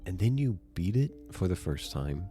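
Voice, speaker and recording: A man narrating a casual video essay, excitable and swearing freely as he gushes. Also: low-pitched, normal speed, faint music behind. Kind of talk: casual enthusiastic commentary.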